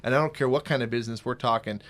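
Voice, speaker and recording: A man hosting a radio talk show, pitching services with energy and joking with guests. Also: rapid-fire, a bit bright. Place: radio studio. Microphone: studio mic.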